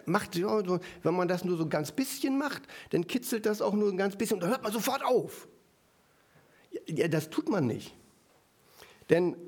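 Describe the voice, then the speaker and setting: A male preacher with a strikingly high voice delivers a lively, conversational sermon. He keeps turning to the audience with short questions and asides, shifting between rapid talk and slow, deliberate emphasis.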